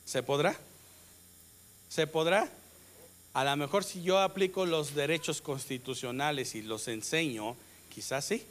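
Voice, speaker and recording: Male pastor, Mexican Spanish accent, measured sermon pace, call-and-response questions, sudden loud emphasis. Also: fairly high pitch. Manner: slow, emphatic delivery with sudden loud rises.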